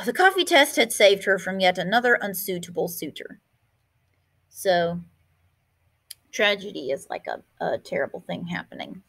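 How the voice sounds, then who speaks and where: A woman's voice: mid-range voice, lively intonation, normal speed, vocal fry, a bit bright. A woman teacher reading a picture book aloud to her class, stopping to explain words and ask questions. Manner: explains vocabulary and asks the class questions, with fillers.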